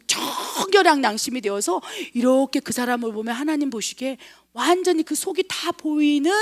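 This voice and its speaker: A middle-aged woman pastor delivers a sermon in a high, bright-pitched voice. She presses her points with rhetorical questions to the congregation. She swings from forceful stresses to soft, almost whispered asides. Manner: emphatic preaching with frequent rhetorical questions; swings between loud stresses and hushed, near-whispered asides. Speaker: missionary pastor.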